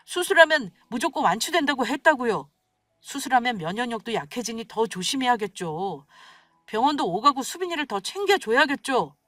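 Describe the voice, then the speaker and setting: A woman's voice: sits high, fairly bright tone, dry recording, studio quality, voice pushed up. A woman voicing an earnest, protective young husband in a radio story, speaking firmly and defensively. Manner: firm, pleading, defensive. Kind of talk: scripted radio story acting.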